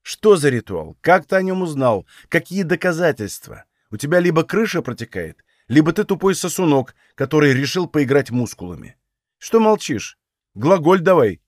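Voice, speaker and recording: Audiobook: male reader playing a domineering older woman mage, crude and scornful, raised pitch, very animated. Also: moderate pace, no echo, studio quality. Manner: sneering, coarse, domineering. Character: arrogant foul-mouthed older female mage.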